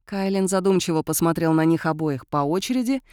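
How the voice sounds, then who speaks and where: Woman narrating an audiobook, lively delivery. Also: fairly quick, clean tone, dry recording, studio quality. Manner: calm, lower-pitched narration. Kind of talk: scripted narration.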